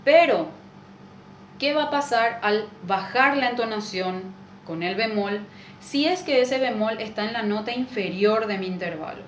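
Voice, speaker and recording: A woman's voice: fairly high pitch, expressive, measured pace. A woman, a music teacher patiently explaining a lesson and checking in with rhetorical questions. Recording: echoey room with faint noise.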